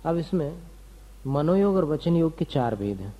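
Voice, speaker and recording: A man's voice: fairly high pitch, sing-song, unhurried, lo-fi sound. A man giving a doctrinal lecture to students, asking and answering his own questions and listing terms one by one. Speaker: religious teacher.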